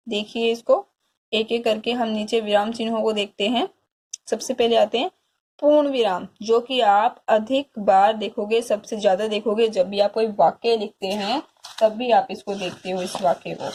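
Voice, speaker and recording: A woman teaching a grammar lesson in a slightly high voice. She speaks straight to her pupils and repeats each definition slowly, phrase by phrase, so they can take it down word for word. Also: a little mellow. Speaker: school teacher. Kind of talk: explanatory classroom lesson.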